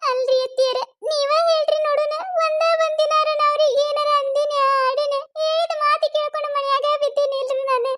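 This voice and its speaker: A woman's voice: extremely high pitch, level tone, a little fast, few pauses, voice pushed up. A woman with a North Karnataka accent voicing a wronged young village daughter-in-law in a cartoon comedy, plaintive and pleading. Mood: lamenting. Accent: North Karnataka Kannada. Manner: plaintive, pleading wails toward the gods, with polite "ri" address.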